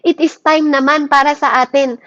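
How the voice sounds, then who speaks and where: A high-pitched Filipino woman leads a morning Bible devotion in an earnest, fervent way, checking in with "Amen?" after nearly every point. The recording is a little dull and muffled, with a dry sound and no room echo. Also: steady tone, moderate pace, fairly bright tone. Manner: earnest, fervent preaching with many restarts. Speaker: devotion leader.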